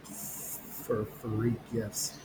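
A man's voice: on the low side, completely flat delivery, very slow. A man co-hosting a podcast, crude, joking and laid-back in casual banter. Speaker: podcast co-host. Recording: noticeable background noise.

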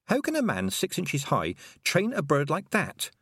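A man doing a brisk determined young girl. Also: on the high side, wildly swooping pitch, a bit bright, husky, dry recording, clean studio sound, pitched above the performer's own voice, full character voice. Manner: brisk, matter-of-fact.

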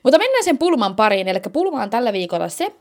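A young woman co-hosting a casual chat podcast, loud and teasing, laughing a lot. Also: a little high, sing-song. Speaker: podcast co-host.

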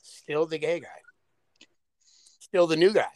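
A man co-hosting a podcast in casual chat, animated and profane, telling stories with big exaggeration. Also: on the high side, slow, no echo. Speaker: podcast co-host.

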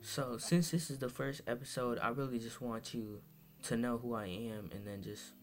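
Faint music sits behind this young podcast host from Massachusetts as he records his first solo episode in a mid-range, steady voice at normal speed. His casual talk is rambling and hesitant, packed with fillers and restarts, and he sounds worn out and low on energy.

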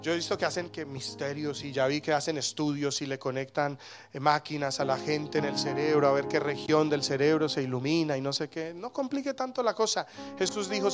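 A man in his thirties preaching a sermon as pastor, animated, with sudden loud exclamations. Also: a little high, a little fast, over music.

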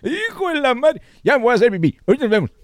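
A man's voice: very high voice, big pitch swings, racing, no room sound, studio quality, voice pushed up. A man voicing a crude, joking old man, telling bawdy jokes.

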